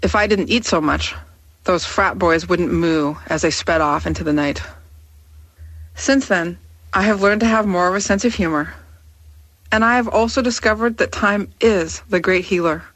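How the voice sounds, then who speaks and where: A woman's voice: lowish voice, a bit bright, no room sound. Woman in her thirties reading a candid essay. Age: 30s. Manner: candid, wry, measured delivery.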